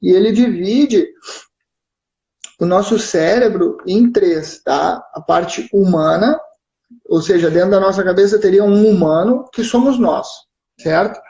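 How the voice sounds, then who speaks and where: A man's voice: high voice, unhurried, creaky, dark tone. A man with a southern Brazilian gaúcho accent, co-hosting a live stream and explaining patiently, often checking in with "né?" and "certo?". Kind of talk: explanatory casual chat. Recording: roomy, dull live-stream audio.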